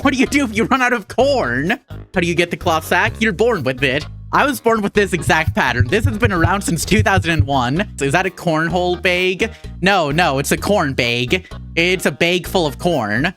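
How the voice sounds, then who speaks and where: Animated Minnesotan woman streaming. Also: fairly low pitch. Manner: irreverent, jokey, talks to chat while sewing. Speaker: VTuber streamer. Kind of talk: casual craft livestream chat.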